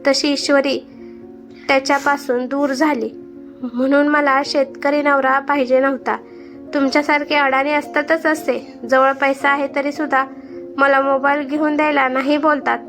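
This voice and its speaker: A woman reading as a sharp-tongued discontented young wife. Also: high-pitched, little pitch movement, moderate pace, faint music behind. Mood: demanding. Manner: scornful, complaining.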